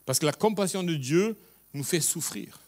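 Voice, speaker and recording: Earnest male pastor with a German accent, high-pitched voice, halting sermon delivery. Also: lively intonation, darkish tone. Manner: earnest, halting with restarts, mixes in English phrases.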